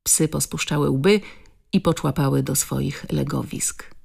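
A woman reading a novel aloud in scripted narration. Her voice sits very low with a gravelly fry, and she keeps a measured, steady pace. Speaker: audiobook narrator.

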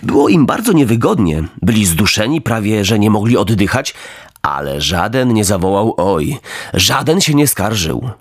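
A man narrating a storybook in a theatrical, expressive way. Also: lowish voice, normal speed, no echo, clean studio sound. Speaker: audiobook narrator.

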